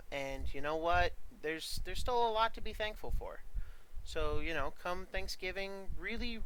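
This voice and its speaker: A man's voice: mid-range voice, bright, forceful tone, a little hiss or hum, poor audio. A man wrapping up an online tabletop game as dungeon master, rambling in a friendly way with many ums and uhs.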